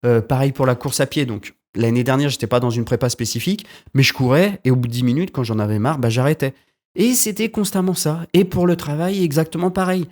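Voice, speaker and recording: A man's voice: medium pitch, fairly quick, darkish tone. A young man hosting his own podcast in a casual, rambling monologue at home, restarting and correcting himself often. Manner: rambling, self-correcting, frequent hesitations. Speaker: podcast host. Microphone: desk podcast mic.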